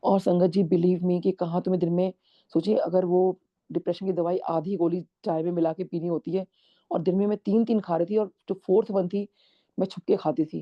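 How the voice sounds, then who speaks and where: A middle-aged woman shares a devotional testimony with a congregation at a satsang, telling it earnestly like a story and mixing in English words. Her voice is fairly low and steady at a moderate pace, captured on a dull lo-fi recording.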